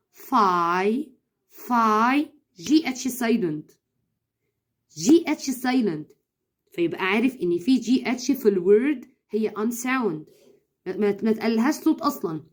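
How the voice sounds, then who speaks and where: Woman, Egyptian Arabic accent, tutor, raised pitch, brisk, mixes in English words, sounds out syllables slowly. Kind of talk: instructional talk to parents.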